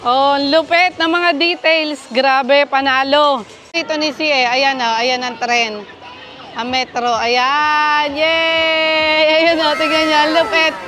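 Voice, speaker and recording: Excited high-voiced woman vlogging a theme park. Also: unhurried, music in the background. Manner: excited, exclaiming, talks to viewers. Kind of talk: casual travel vlog narration.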